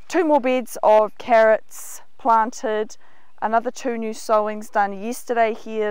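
A woman's voice: mid-range voice, clear, resonant tone, dry recording. A woman in her thirties with a New Zealand accent, giving an enthusiastic guided tour of her market garden outdoors. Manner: enthusiastic, explanatory, walking and pointing at crops. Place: outdoors in a large vegetable garden.

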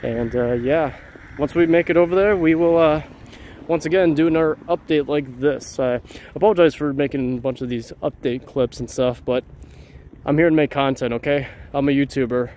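A man's voice: medium pitch, normal speed, darkish tone, a little hiss or hum. A man talking casually to his viewers as a vlog host, rambling and repeating phrases, recorded outdoors on a handheld camera. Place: outdoors at night on trails and roads.

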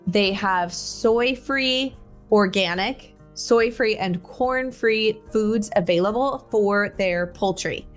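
Forties woman doing a casual solo podcast, chatty, headset in a little home room, soft music in the background. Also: mid-range voice, slow. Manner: chatty, conversational, gestures while talking. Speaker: podcast host. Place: small home room with bookshelves. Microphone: over-ear headset.

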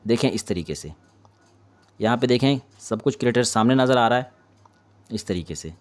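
This man hosts an informal screen tutorial on video editing, guiding viewers step by step and often repeating confirming tags. His voice is medium-pitched and expressive, moving at a normal speed.

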